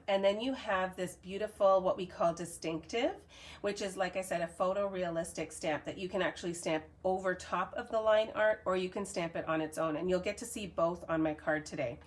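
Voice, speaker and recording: A chatty, upbeat woman running a live cardmaking demonstration. Her voice sits at an ordinary middle pitch, and she talks to her viewers in a relaxed, friendly way. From Canada. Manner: chatty, upbeat, reads viewer comments aloud. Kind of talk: casual live tutorial.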